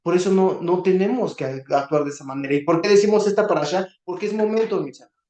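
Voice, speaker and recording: A man in his thirties giving a sermon on a Torah portion, earnest and pleading, often dropping to a soft voice for emphasis. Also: high-pitched, fast, echoey room. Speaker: Bible teacher.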